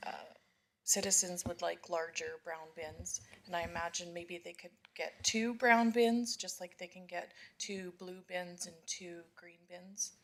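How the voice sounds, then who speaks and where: A woman with a lower voice and a gravelly creak asks hesitant follow-up questions as a councillor. She pauses often with fillers in a council meeting. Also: steady tone. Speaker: town councillor. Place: council chamber.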